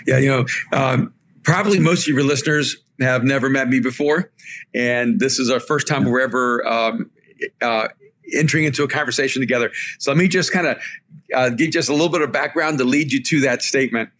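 A man's voice: mid-range voice, brisk, fairly bright tone. Spanish-native man telling his story. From El Salvador. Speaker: podcast guest. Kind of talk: reflective storytelling. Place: remote call from home.

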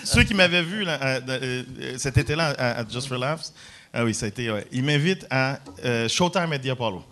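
A man from Quebec, a guest comedian telling animated stories and acting out quotes in high voices. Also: a little fast. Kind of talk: casual storytelling.

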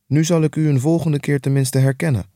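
A man voicing a cautious, troubled lawyer who speaks in a measured way and muses aloud, in a book reading. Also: on the high side, fairly even intonation, dark tone, dry recording, clean studio sound, close to an everyday voice. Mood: guarded. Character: cautious, troubled middle-aged male lawyer.

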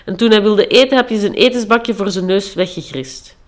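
A storyteller voicing a hunter husband who grumbles at and scolds his wife in a gruff manner. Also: mid-range voice, fairly quick, close to an everyday voice.

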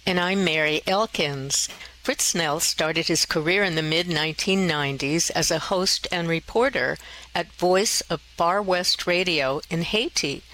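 Lowish woman reading a podcast intro. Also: a little slow, fairly bright tone, poor audio. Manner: smooth, read-aloud delivery. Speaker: podcast co-host.

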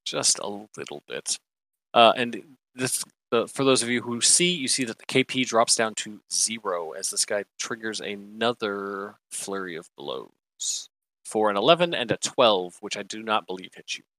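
A man's voice: lowish voice, expressive, normal speed, pushed and bright, no room sound. A man running a tabletop game as game master, narrating loosely with many fillers.

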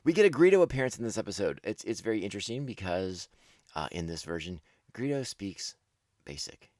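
A man's voice: lowish voice, big pitch swings, a little fast, a little mellow, no echo, clean studio sound. A man hosting a casual podcast commentary, rambling with frequent restarts and self-corrections, enthusiastic and laughing at himself.

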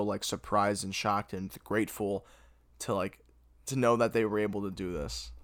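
A young man with a fairly low voice gushes through a casual podcast movie review. He talks excitably and packs his speech with filler words. The sound is dry and close, with no room echo. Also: vocal fry. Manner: excitable, gushing, heavy use of filler words. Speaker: podcast host.

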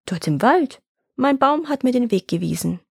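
A woman reading as gentle young Veikko. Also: on the high side, very animated, normal speed, gravelly, no echo, studio quality, heavily acted. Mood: eager. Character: gentle kind-hearted young peasant man Veikko.

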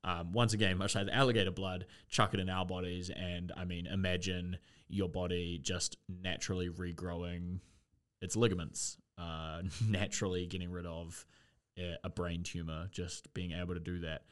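A man's voice: low-pitched, level tone, moderate pace, a bit bright, clear, resonant tone. A man chatting loosely as a podcast co-host, rambling with lots of fillers and swearing. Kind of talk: casual chat.

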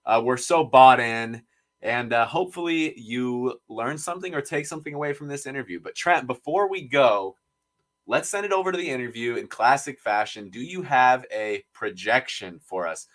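A man's voice: medium pitch, expressive, moderate pace, fairly bright tone, rough recording. Upbeat young man hosting a sports podcast. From Michigan. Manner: upbeat, hype-man delivery. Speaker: podcast co-host. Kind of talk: casual sports podcast chat.

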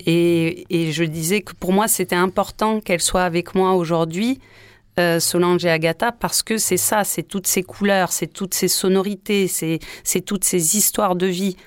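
Woman, lowish smooth voice, earnest guest, dry studio. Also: fairly even intonation, moderate pace, no room sound. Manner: earnest, storytelling. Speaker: community project guest. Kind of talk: live radio discussion. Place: crowded radio studio.

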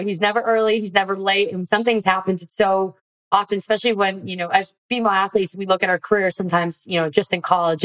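A young woman, a former college softball player, hosting a podcast with upbeat, encouraging chat. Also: mid-range voice, low-quality recording. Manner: upbeat, encouraging, reads ad lines. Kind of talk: casual interview chat.

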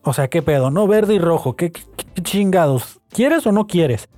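A man's voice: high voice, expressive, moderate pace, dark tone, no echo, soft background music. A young man with a Mexican accent, hosting a podcast and telling a story in a slangy, casual way with frequent exclamations. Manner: slangy, laughs and exclaims while retelling gossip. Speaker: podcast host.

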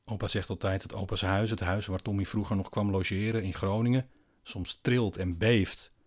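A man narrating a scripted eerie bedtime story in a quiet, slow, hushed way with long pauses. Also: fairly low pitch, steady tone.

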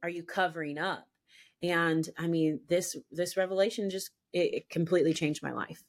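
A woman guest on a faith podcast, speaking with a somewhat low voice. She talks earnestly and with emphasis as she shares her personal testimony, often repeating herself to press a point home. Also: fairly even intonation, moderate pace. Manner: earnest, emphatic, repeats "I'm telling you".

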